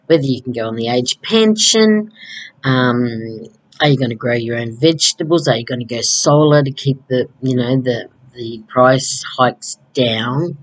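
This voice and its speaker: A woman's voice: a bass voice, low-quality recording. A woman in her early sixties chatting casually to a webcam at home, rambling with frequent ums. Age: 60s. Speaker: vlogger. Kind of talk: casual chat to camera. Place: small home room indoors. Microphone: laptop webcam.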